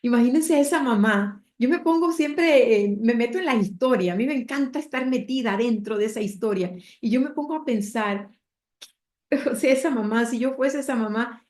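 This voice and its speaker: A woman's voice: on the high side, darkish tone. A woman preacher retelling a Bible story with heartfelt emotion, speaking directly to her listeners.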